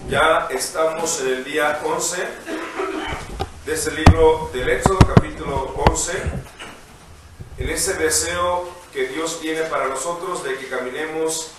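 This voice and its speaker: A man's voice: a little high, steady tone, slow pace. A male priest reading scripture and preaching a homily to the faithful. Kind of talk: gospel reading and sermon. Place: inside an echoing church. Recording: roomy echoing church, distant mic, faint noise.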